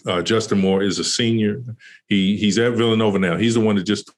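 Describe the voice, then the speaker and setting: A man's voice: lowish voice, a little fast. A man, a basketball coach, telling a story in a casual podcast interview, with lots of fillers and restarts. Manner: animated when retelling conversations. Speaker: college basketball associate head coach.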